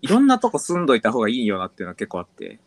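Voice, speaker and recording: Writer, man with a light Kansai tinge, fast and animated, dry close sound. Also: mid-range voice, no echo. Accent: slight Kansai influence. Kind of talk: casual chat.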